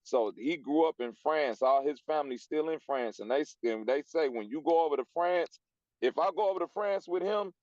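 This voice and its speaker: A man's voice: a little high, brisk, darkish tone, no echo. Insistent man from Chicago, dry dull sound. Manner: insistent, presses to be heard. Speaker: panelist. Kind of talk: heated casual debate.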